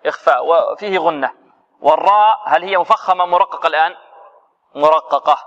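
A man teaching Quran recitation to a class, his voice sitting a little high. He keeps asking the students questions, answers them himself, and demonstrates the sounds. The recording is muffled and lo-fi, with a long hall echo. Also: brisk, a bit bright. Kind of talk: tajweed lesson to students.

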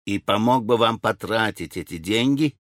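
A man's voice: lowish voice, expressive, normal speed, dry recording, clean studio sound, close to an everyday voice. A male audiobook reader voicing a hasty young man who blurts things out eagerly. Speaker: audiobook character. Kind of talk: audiobook character reading.

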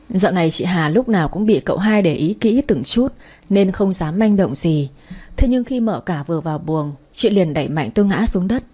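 Husky, dark-toned woman narrator. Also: lowish voice. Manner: steady first-person storytelling. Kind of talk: audiobook story narration.

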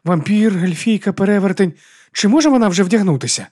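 Male reader doing fretful monk, shrill, indignant, high, dry studio. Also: animated, fairly quick, a little mellow, dry recording. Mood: exasperated. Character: panicky exasperated male monk, whiny.

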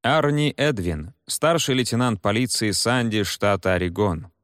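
A man voicing a young, smiling police lieutenant who speaks smoothly and condescendingly. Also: on the low side, moderate pace, a bit bright, no echo, studio quality, close to an everyday voice. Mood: smug.

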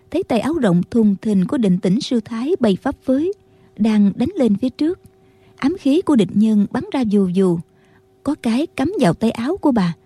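Woman narrator, husky and mellow, fairly high, dry close mic, steady audiobook storytelling. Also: dry recording. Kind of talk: scripted narration.

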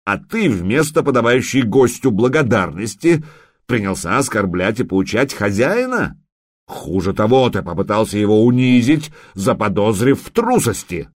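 A snarling berserker warrior, voiced by a man, all fury and heavy slow roars, pushed up high and loud. Recorded dry, close and plain. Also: very animated, dry recording. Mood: furious roaring. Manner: roaring, snarling.

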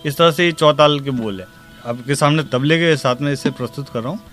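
A man teaching tabla in a spoken music lesson, calmly explaining rhythm cycles and slowly reciting the drum syllables. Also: fairly high pitch. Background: tabla playing.

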